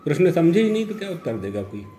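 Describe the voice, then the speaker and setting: A man's voice: fairly high pitch, sing-song, fast, mellow, a little hiss or hum. An older man, a religious storyteller, retelling a devotional tale with quoted dialogue and chuckling asides. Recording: echoey room with faint music.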